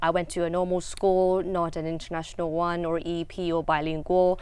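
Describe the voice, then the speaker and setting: A woman's voice: fairly low pitch, flat delivery, fast, darkish tone, clear, resonant tone. A young woman from Thailand, a TV host and DJ chatting as an interview guest, laughing often and filling with ums. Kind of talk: casual interview in English.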